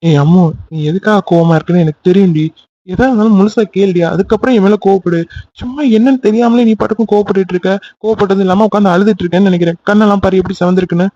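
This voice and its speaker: A man doing a young cartoon lover, high quick voice, mellow tone, insistent pleading, dull lo-fi sound. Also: steady tone. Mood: arguing. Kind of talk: cartoon voice acting.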